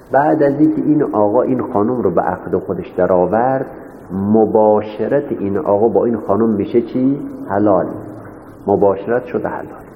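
A man teaching a seminary class, repeating each point and asking his students rhetorical questions. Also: on the low side. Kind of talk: classroom lecture. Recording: echoey hall, dull lo-fi sound with faint noise.

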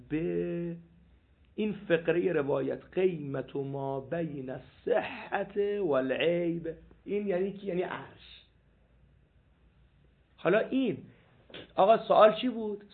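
A man's voice: sits high, vocal fry. A man teaching a seminary law class, reading passages aloud and questioning his students. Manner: animated, repeats points, asks the class questions. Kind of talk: jurisprudence class lecture. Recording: phone-like lo-fi recording.

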